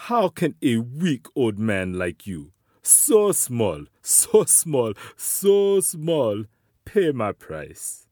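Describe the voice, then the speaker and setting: A man's voice: medium pitch, wildly swooping pitch, drawn-out words, warm tone, dry recording, clean studio sound, pitched above the performer's own voice, heavily acted. A man doing a chuckling, mocking sky god.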